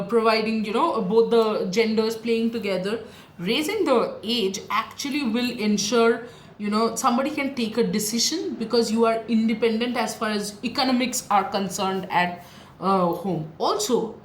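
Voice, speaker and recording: Brief: woman, ex-cricketer panelist, somewhat high voice, halting and full of fillers, echoey room. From India. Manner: quick, halting, many fillers like "you know". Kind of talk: casual discussion. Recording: roomy echo with faint noise.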